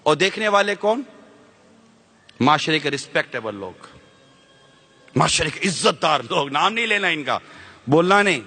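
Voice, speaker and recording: In a large hall, a man with a slightly high, sing-song voice that sounds pushed and bright delivers an impassioned sermon, leaving long pauses. He fires rhetorical questions at his audience and mixes English words into his speech.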